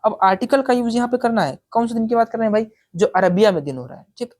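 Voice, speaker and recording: A woman's voice: fairly high pitch, lively intonation, darkish tone. Patient woman teaching exam English. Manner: reads English sentences slowly, then explains them in Hindi; keeps checking with the listener. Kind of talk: exam-prep lesson.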